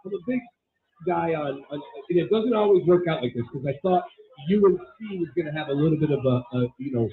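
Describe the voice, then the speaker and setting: Man, sports radio co-host, emphatic and opinionated, slightly high voice, phone-like audio. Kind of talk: casual sports talk.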